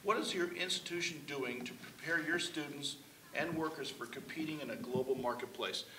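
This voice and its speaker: A man moderating a panel in a brisk, lightly joking way. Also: fairly high pitch. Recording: distant, roomy, noisy room recording.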